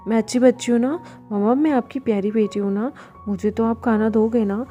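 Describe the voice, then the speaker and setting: A little girl with a sweet tooth, read by a woman, wheedling and pleading. The voice is mellow and mid-pitched, with soft music behind. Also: fairly even intonation, fairly quick, close to an everyday voice.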